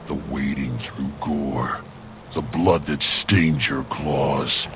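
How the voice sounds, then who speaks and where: An actor voicing a huge grim, war-weary cat-beast soldier in a video game, gravelly, blunt and slow. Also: male voice, very deep voice, steady tone, noisy background. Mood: grim relish. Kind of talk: video game character dialogue.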